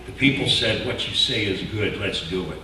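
A man preaching a sermon, telling a story dramatically and swinging between loud shouts and hushed tones. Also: lowish voice, lively intonation, normal speed, distant mic, noisy background. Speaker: pastor. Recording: echoey room, picked up from afar.

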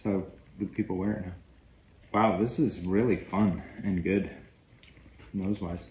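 A man's voice: sits low, steady tone, a little slow, darkish tone, a little hiss or hum. A man tasting along with the host, giving brief, off-hand reactions from away from the mic. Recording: roomy echo, off-mic.

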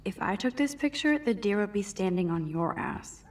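A woman's voice: medium pitch, expressive, normal speed, recorded from a distance, a little hiss or hum, lightly acted. Woman voicing Max, a wistful shy teen. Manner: wistful, musing to herself. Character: shy 18-year-old girl, photography student. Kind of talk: video game inner monologue.

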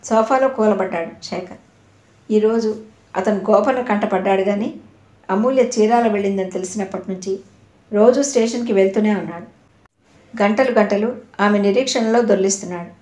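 A woman's voice: medium pitch, moderate pace, pauses often. Woman narrating an audio novel in a roomy echo. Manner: steady, storytelling delivery. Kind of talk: scripted narration.

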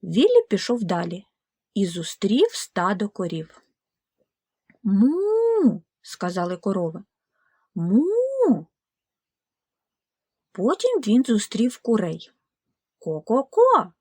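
A woman narrating a children's audiobook fairy tale in a slow, gentle, expressive way. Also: medium pitch, slightly rough, no echo, clean studio sound. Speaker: storyteller.

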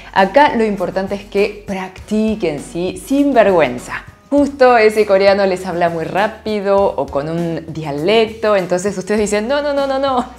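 A woman teaching a lively online Korean lesson, laughing often and checking in with her students. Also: medium pitch. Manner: animated, laughs often, asks "¿sí?" constantly.

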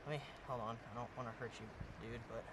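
A young adult man at medium pitch vlogs excitedly while fishing on a riverbank, talking to viewers and repeating his exclamations. It's a casual outdoor fishing vlog captured on an on-camera mic and head-mounted camera, with a rushing river in the background.

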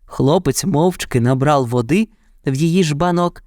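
A man narrating a children's fairy tale in an even, dramatic storytelling manner. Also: fairly high pitch, unhurried, dry recording, clean studio sound.

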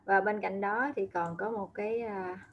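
A woman's voice: medium pitch, steady tone, unhurried, muffled recording, a little hiss or hum. A woman teaching English words to young children, patiently repeating and spelling each word letter by letter. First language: Vietnamese. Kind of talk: slow vocabulary lesson, words repeated aloud.

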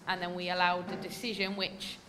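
Against a noisy background, an English football coach in her thirties gives post-match press conference answers in a lowish voice, completely flat and fairly quick. She is candid and emphatic, using many fillers. The setting is an indoor press room before a sponsor backdrop, where she speaks at a desk mic.

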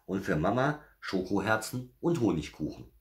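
A man's voice: fairly low pitch, sing-song, moderate pace, pitched above the performer's own voice. A man voicing a timid, curious little bear cub with a raised, anxious voice. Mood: eager. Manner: raised, wide-eyed and anxious.

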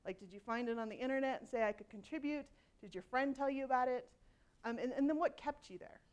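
Wearing a headset mic on a large conference hall stage, a woman in her forties gives her keynote in a slightly high voice that is fast and smooth. Her delivery stays loose and chatty, with plenty of ums, restarts and self-deprecating jokes.

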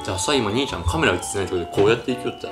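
A man's voice: lowish voice, animated, rapid-fire, fairly bright tone, reverberant. A young man with a Hiroshima accent, chatting and teasing jokingly while cooking on a casual video. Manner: teasing, jokey banter. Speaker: YouTuber, younger brother. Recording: background music clearly audible.

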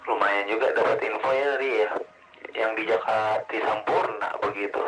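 Low-voiced man talking over two-way radio. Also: fairly even intonation, normal speed, a bit bright. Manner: clipped, ends turns with "over". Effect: two-way radio transmission. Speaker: amateur radio operator. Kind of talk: two-way radio chatter with call signs and codes. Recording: hissy radio transmission, sometimes distant.

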